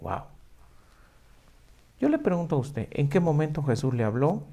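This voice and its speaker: A man's voice: a little high, big pitch swings, normal speed, vocal fry, dark tone. A male pastor preaching emphatically, asking the listener rhetorical questions and acting out their objections. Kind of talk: sermon.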